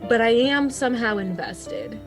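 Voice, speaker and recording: A woman's voice: fairly high pitch, expressive, normal speed, music in the background. Bubbly chatty young woman. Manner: bubbly, chatty, laughs often. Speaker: player. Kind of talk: casual live-stream chat.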